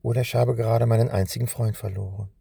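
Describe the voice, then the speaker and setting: A man voicing a young prince who hides in danger, speaking in hushed, urgent pleas in a storybook reading. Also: mid-range voice, steady tone, fast, gravelly, slightly rough, no echo, clean studio sound, full character voice. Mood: anxious. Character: young male prince, frightened but determined.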